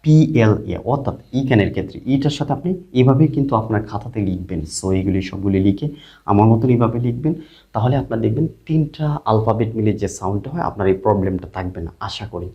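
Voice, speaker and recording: A man teaching an English spelling and sound lesson online, asking questions and answering them himself, repeating each sound slowly. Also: lowish voice, animated. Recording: dull lo-fi recording.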